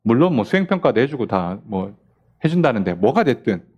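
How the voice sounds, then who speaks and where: A man's voice: mid-range voice, sing-song, a little fast, a little mellow, lo-fi sound. A man, a pastor, teaching a midweek Bible study in a conversational preaching style, firing off rhetorical questions and acting out little quoted exchanges.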